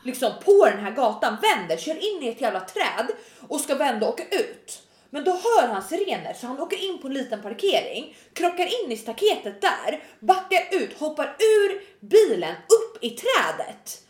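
A high-voiced young woman co-hosts a podcast in casual chat. She tells her story with a lot of drama, and her voice swings widely as she acts out her own shouts. The room around her has a noticeable echo. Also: big pitch swings. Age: 20s. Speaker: podcast co-host. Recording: echoey room.

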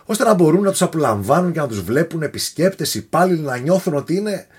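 A man telling a story in a casual podcast chat, animated and often tripping over foreign names. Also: a little high, breathy edge.

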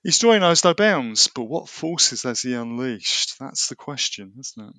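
A man co-hosting a film review, speaking in a measured, conversational manner. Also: medium pitch, sing-song, bright, forceful tone, no room sound. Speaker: film review show co-host. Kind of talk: casual film review discussion.

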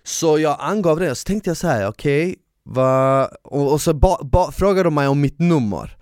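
A man co-hosting a podcast, chatting casually and telling stories in a lively way, dropping in English phrases. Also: fairly high pitch, dry recording, clean studio sound. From southern Sweden. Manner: animated storyteller, slangy, mixes in English phrases. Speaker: podcast co-host. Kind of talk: casual chat.

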